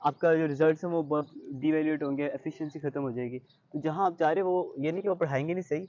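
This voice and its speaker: As an interview guest, a young man studying at university replies conversationally in a Pakistani accent, explaining and giving advice with English words sprinkled in. His pitch is fairly high and his intonation fairly even, and his voice is mellow at a quick pace. The audio is dull.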